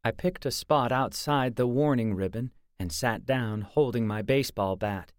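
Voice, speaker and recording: A man narrates a first-person story in a steady, conversational way and drops in the odd wry aside. His voice sits at an ordinary middle pitch. The sound is close and dry, with no room around it. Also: normal speed, no room sound. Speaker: audiobook narrator.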